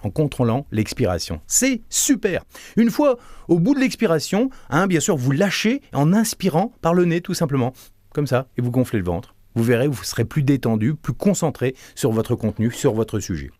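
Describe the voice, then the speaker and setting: A man teaching a breathing and voice lesson, guiding step by step and demonstrating breaths and hushing sounds in an encouraging way. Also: medium pitch, moderate pace, dry recording, clean studio sound. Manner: lively, encouraging delivery. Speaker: voice and speaking coach.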